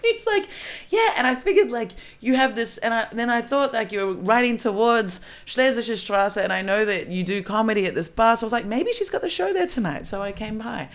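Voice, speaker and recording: A woman with an Australian accent telling a lively story in a casual podcast chat, acting out the lines of the people in it. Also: fairly high pitch, brisk, few pauses, slight background noise. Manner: animated storytelling, acting out quotes. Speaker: comedian guest.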